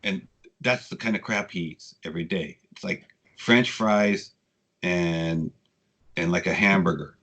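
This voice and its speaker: A man in his sixties, a guest telling casual, rambling stories with frequent swearing, getting animated when he quotes people. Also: sits low, a little slow, muffled recording. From United States. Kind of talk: casual storytelling interview.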